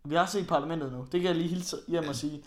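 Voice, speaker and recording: A young man chatting casually with a friend, telling travel stories and laughing often. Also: a little high. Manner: laughs often, animated storytelling. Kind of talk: casual chat.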